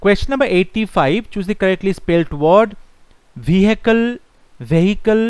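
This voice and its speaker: High-voiced man spelling words letter by letter. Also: clear, resonant tone, dry recording. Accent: Bengali. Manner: spells out letters slowly, repeats each word several times; reads question numbers slowly and deliberately in English. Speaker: English teacher. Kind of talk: exam prep lesson, spelling words letter by letter.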